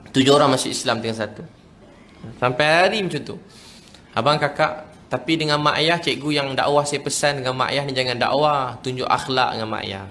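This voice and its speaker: A man with a Malaysian Malay accent, preaching a sermon as an animated personal story, often chuckling and dropping to a hush. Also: fairly high pitch, slight background noise. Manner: animated storytelling, often chuckling, shifts between lively and hushed. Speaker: religious preacher.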